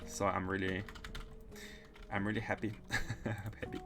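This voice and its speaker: Playing a game on a livestream, a Russian-accented man chats casually at normal speed in a fairly low, flat voice. He often repeats himself and starts his phrases over.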